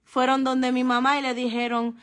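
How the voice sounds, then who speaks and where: A woman pastor preaching with a high voice. Her tone is bright and forceful. She speaks earnestly to her listeners as brothers and often drops to a soft, slow delivery. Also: level tone. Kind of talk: testimony sermon.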